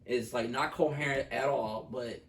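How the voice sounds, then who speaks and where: Recorded on a roomy, far-off mic with a little background noise, this co-host of a laid-back film review chat has a steady, mid-range voice and moderate pace. He's informal, opinionated, and repeats himself to make points.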